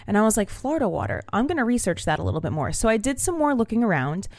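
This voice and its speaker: A woman's voice: mid-range voice, rapid-fire, no echo. Chatty young woman with dry sound. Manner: chatty, animated storytelling with many fillers. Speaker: vlogger. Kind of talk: casual storytelling to camera. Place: small room at home. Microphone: camera mic.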